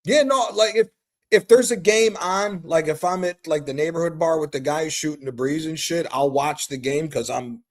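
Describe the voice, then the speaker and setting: Give me a laid-back man in his thirties chatting about sports, a bit high-pitched, cursing casually. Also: moderate pace. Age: 30s. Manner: laid-back, swears freely, repeats himself. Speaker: show host.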